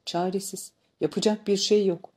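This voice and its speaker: A woman's voice: medium pitch, fairly even intonation, normal speed, husky, natural voice. A woman voicing an anguished old grandfather, bitter and fierce, in an audiobook reading. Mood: bitter lament. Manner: shouting, bitter lament.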